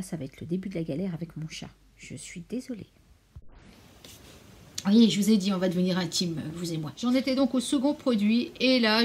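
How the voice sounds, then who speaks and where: A woman's voice: medium pitch, a little mellow. Woman, beauty vlogger, casual chat, frank, mildly sarcastic, talking at home. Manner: cooing baby talk to her cat. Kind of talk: casual anti-haul vlog chat.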